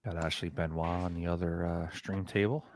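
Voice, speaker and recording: A man's voice: deep voice, steady tone, moderate pace, slight background noise. A man commenting on a pool match, easygoing and laughing as he tells stories. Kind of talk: casual commentary.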